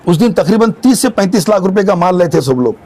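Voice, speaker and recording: A man's voice: sits high, animated, fast, darkish tone. A man speaking as spokesman for market vendors in a street interview, complaining with emphatic agitation.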